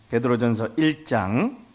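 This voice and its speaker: A man's voice: medium pitch, a little hiss or hum. A man preaching a sermon as a pastor, telling folksy stories and acting out family dialogue. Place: church sanctuary.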